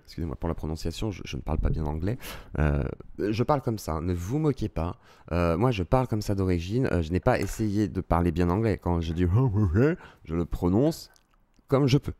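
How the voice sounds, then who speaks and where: A man's voice: deep voice, lively intonation, fairly quick, mellow. Sarcastic youtuber man. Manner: ironic, mock-grandiose, many "euh" fillers. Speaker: youtuber host. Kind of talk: sarcastic comedic vlog intro.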